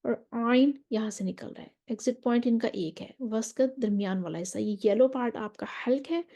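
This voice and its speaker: Teaching Quran recitation online, a woman explains a diagram step by step with patience, blending in English terms. Her fairly high voice is gravelly and mellow, and her pace is moderate.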